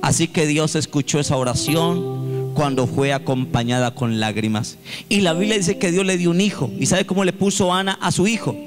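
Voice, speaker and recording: A man's voice: fairly high pitch, moderate pace, music in the background. A man preaching a sermon in a church, reading scripture aloud and rising into sung, pleading prayers. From Colombia. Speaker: pastor.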